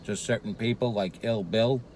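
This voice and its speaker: A man's voice: lowish voice, normal speed, a little mellow, slight background noise, poor audio. A man rambling casually and profanely to camera while eating, with lots of hesitant fillers. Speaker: vlogger. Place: street near a Brooklyn diner.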